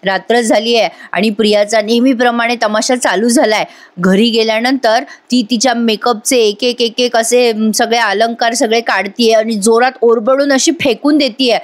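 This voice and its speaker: A woman with a fairly high, fairly even voice narrates a voice-over recap of a TV serial at normal speed. As a serial reviewer, she retells scenes, acts out each character's lines, and chats directly with her viewers.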